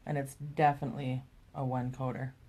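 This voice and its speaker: A woman's voice: rumbling low, flat delivery, fairly quick, dark tone, slight background noise. A woman in a salon chatting casually and reading out viewer questions during a live stream. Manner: easygoing, reads out viewer questions. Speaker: assistant reading viewer comments. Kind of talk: casual chat. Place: nail salon.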